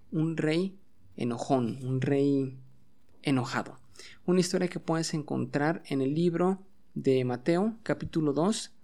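A man's voice: a little high, warm tone. A man hosting a bilingual podcast lesson at home, patiently drilling words and having listeners repeat them. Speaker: English teacher and podcast host.

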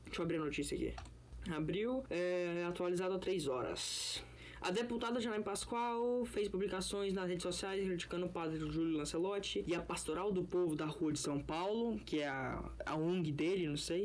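A man hosting a casual solo podcast from his bedroom, talking in a loose, rambling and profane way. His mic gain is set too high, so his voice comes through clipped and distorted. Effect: clipped, distorted audio from mic gain set too high. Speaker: podcast host. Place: bedroom in an apartment building. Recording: overdriven, clipping home mic.

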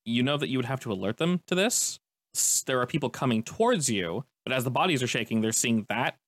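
A man runs a tabletop roleplaying game, narrating scenes at a brisk clip. His delivery is conversational and descriptive, and he explains as he goes. The sound is dry and close, with little room to it. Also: medium pitch, expressive, no echo. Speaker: game master.

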